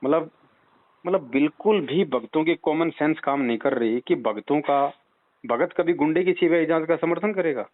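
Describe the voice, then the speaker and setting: The recording is a tinny phone call with a limited frequency band. On it, a man with a higher-leaning voice speaks at normal speed, advising a doubting caller on religious matters. His manner is insistent and admonishing, and he presses his case with rhetorical questions.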